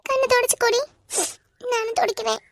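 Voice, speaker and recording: A woman's voice: very high voice, level tone, a little fast, vocal fry, no echo, studio quality. A woman voicing a kind young wife who comforts and reassures her friend, with a Kanyakumari Tamil accent, in a cartoon love story. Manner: soft, caring, reassuring.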